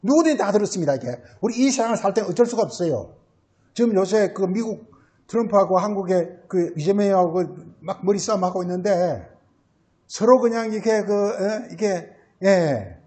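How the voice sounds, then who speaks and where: A man's voice: sits high, animated, moderate pace, darkish tone. A pastor preaching a Sunday sermon. He keeps asking questions and answering them himself, uses a lot of filler words, and often tacks a short tag word onto the end of a phrase.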